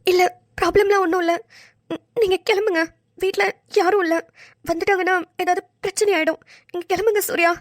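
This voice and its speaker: A woman's voice: very high-pitched, fairly even intonation, brisk, no echo, clean studio sound. A woman voicing a tearful young woman in a cartoon, pleading and upset. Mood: anxious. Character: tearful young woman pushing a suitor away. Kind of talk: cartoon voice acting.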